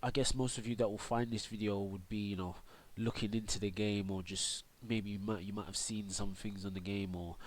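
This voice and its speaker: This gaming YouTuber and streamer is a young man with a cold, sounding congested as he casually rambles through a game tutorial. His voice sits on the low side, steady and brisk with few pauses, though it's full of fillers and restarts.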